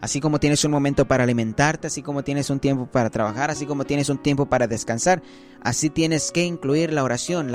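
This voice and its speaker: A man giving a conversational sermon as a preacher, often checking in with his listeners. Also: on the high side.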